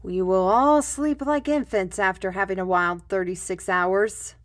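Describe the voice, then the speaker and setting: Speaking at a measured pace with medium pitch and fairly even intonation, she sounds close to her everyday voice. She's voicing a weary, sardonic artist in a fantasy audio roleplay, recounting tales and describing plans in a musing, conversational way.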